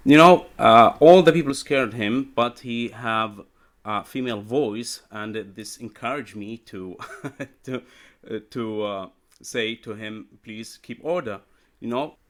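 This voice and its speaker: A man, speaking hesitant, halting English full of fillers while telling a story in an online group discussion over a video call. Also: mid-range voice. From Iraq.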